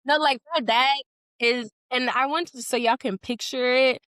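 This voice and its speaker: A young woman who grew up between Colombia and Houston, a podcast guest telling stories in a loose, animated way, laughing often and saying "like" a lot. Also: sits high, moderate pace, dry recording, studio quality. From Colombia, raised in Houston. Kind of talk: casual podcast conversation.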